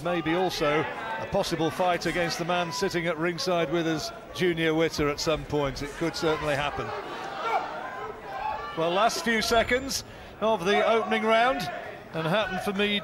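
A man giving measured play-by-play boxing commentary from ringside. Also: sits high. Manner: measured play-by-play with fight facts. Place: ringside at an indoor boxing arena. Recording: loud arena crowd and noise behind.

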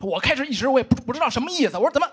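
A man's voice: extremely high pitch, animated, rapid-fire, fairly bright tone. A man doing a stand-up set on a studio stage, wry and reasoning his jokes out step by step. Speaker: stand-up comedian. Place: studio stage with live audience. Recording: clear background noise.

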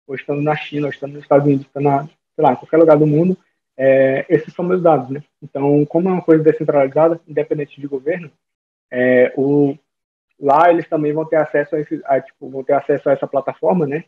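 A man's voice: fairly high pitch, fairly even intonation, fast talker, breathy edge. A young man with a Brazilian accent giving a casual online talk over slides, informal and full of fillers and restarts. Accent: Brazilian Portuguese. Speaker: guest speaker. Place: small room at home. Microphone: webcam or laptop mic on a video call. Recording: phone-like narrow sound.

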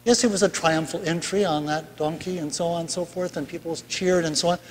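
A man's voice: a little high, fairly even intonation, fairly quick, slight background noise. An older man preaching a sermon from a pulpit in a large church, in a conversational way with asides and rising emphasis. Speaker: pastor. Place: large bright church sanctuary. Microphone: pulpit mic from far camera. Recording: long church reverb.

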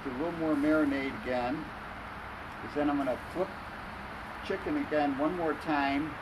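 A man explaining each step as he cooks on an outdoor grill, in a relaxed, casual way. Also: a little high, moderate pace. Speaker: home cook. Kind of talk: casual cooking demonstration. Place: outdoor grill in a city at dusk. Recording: outdoor street noise.

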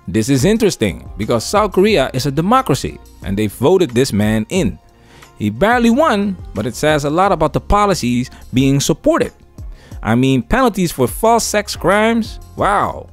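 High-pitched male commentator, lively delivery. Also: normal speed, faint music behind. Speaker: host of a commentary channel. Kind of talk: opinion news commentary.

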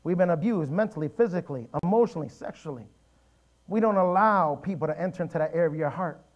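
A man preaching a sermon in a church, with animated storytelling and emphatic repetition. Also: a little high, fast talker, dull audio. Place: church sanctuary.

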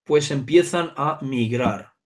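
A man of medium pitch speaks slowly as a guest in an interview; he's a native Hungarian speaker with that accent, explaining at length with plenty of asides and checks that his listener is keeping up.

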